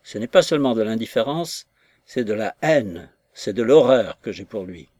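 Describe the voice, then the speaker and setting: A man's voice: lowish voice, animated, moderate pace, a little mellow, dry recording, studio quality. Man doing an imploring young daughter. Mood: pleading. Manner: imploring and emotional. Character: pleading, tender young daughter.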